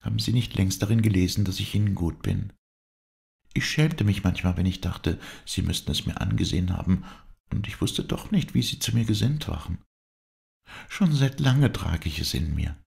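A man with a deep voice voicing a tender, sorrowful young woman in an audiobook, speaking softly and pleadingly. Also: expressive, moderate pace, vocal fry, exaggerated voice. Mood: tearful joy.

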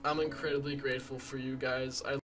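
A game streamer reacting live during gameplay, emotional and swinging from soft murmurs to excited yelling. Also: mid-range voice, brisk, over loud music.

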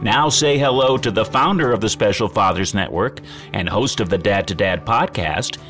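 A man's voice: on the low side, normal speed, a bit bright, faint music behind. A man announcing a podcast's sponsor and guest in a polished, scripted delivery.

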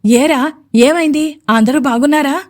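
A woman's voice: sits high, unhurried, voice pushed up. A woman voicing a worried, hesitant young man on a phone call in a storybook audio drama. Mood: anxious. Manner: anxious, hesitant.

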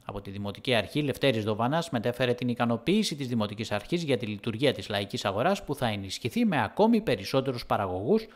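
A man's voice: medium pitch, lively intonation, few pauses. A man reading scripted narration for a television news report.

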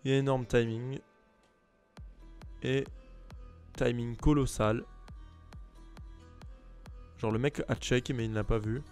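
A man, commenting casually on game clips, trailing into quiet asides and bursting into loud shouts. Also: fairly even intonation, slow, pauses often, smooth, soft background music. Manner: chatty, mumbles low asides, bursts into shouts. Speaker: gaming streamer reacting to clips.

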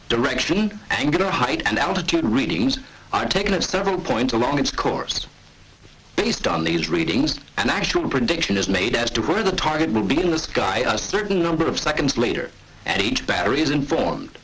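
The clip sounds like an old film soundtrack, with a rough recording of a man narrating a 1940s military training film. He delivers scripted instruction in a measured, authoritative tone, his husky voice rising and falling with lively pitch.

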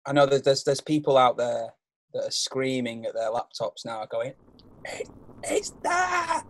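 A man's voice: medium pitch, fairly even intonation, moderate pace, dry recording. A young adult man chatting playfully as a singer guest, rambling and poking fun at himself, often stumbling over his words. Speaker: singer guest on a song game. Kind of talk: playful casual chat.

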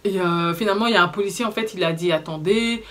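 A young woman with a Belgian French accent, telling a story to camera in casual vlog chat, animated and indignant, with slangy fillers. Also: mid-range voice, rapid-fire. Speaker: vlogger.

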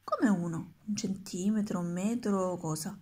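A woman's voice: medium pitch, measured pace, darkish tone, natural voice. A woman voicing a curious, doubtful schoolboy in a storybook, who protests and questions.

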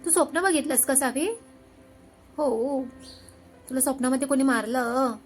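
A young mother narrates a home vlog in a high voice and drops into soft asides between bursts of cooing, sing-song talk to her little daughter. Faint music plays under her voice. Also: moderate pace. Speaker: mother vlogging her toddler's morning.

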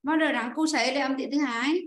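A woman teacher with a high voice leads an online class, patiently walking through each answer and calling on pupils by turn. The sound is echoey, as if from a bare room over a video call. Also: fast. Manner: patient, explains step by step and calls on pupils.

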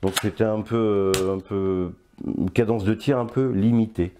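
A man's voice: lowish voice, fairly even intonation, normal speed, dark tone. An older man reviewing a toy blaster in casual, playful chat, often stopping to hesitate. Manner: chatty and playful, with many hesitations.

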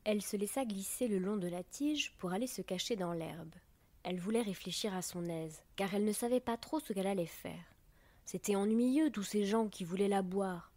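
A woman narrating a children's story aloud, gently and softly, often dropping close to a whisper. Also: medium pitch, normal speed. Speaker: reader.

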